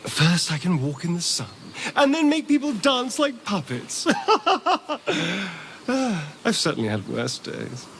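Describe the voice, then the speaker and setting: A man's voice: high voice, sing-song, a little hiss or hum, heavily acted. Astarion, a sly, theatrical male vampire. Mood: amused, wry. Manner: arch, theatrical, sardonic, drawn-out phrasing. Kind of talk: dramatic video game character dialogue.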